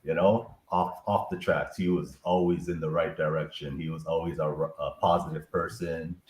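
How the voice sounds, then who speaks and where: A man's voice: extremely low pitch, steady tone, normal speed, roomy sound. A man in casual chat, reminiscing and telling a story about an old friend. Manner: reminiscing, tells a story with warm praise. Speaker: guest.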